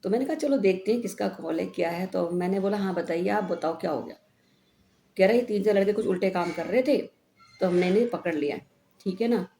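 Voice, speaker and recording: A woman's voice: medium pitch, a little fast, vocal fry. Chatty woman vlogger in an echoey room. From India. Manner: chatty, animated retelling with frequent "हैं?" tags. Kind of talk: casual vlog storytelling. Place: home room. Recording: echoey room with faint background noise.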